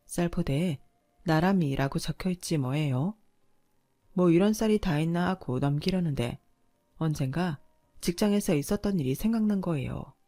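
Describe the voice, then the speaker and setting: A woman's voice: low-pitched, mellow, dry recording. A woman narrating a scripted first-person story in a confiding, storytelling tone.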